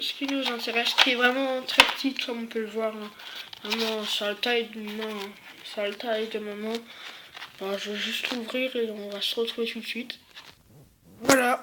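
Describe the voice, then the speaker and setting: A speaker presenting an unboxing video in an informal, halting and repetitive way, with speech affected by new dental braces. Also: mid-range voice, fairly bright tone. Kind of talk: casual unboxing commentary, partly reading aloud. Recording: clearly noisy home-made recording.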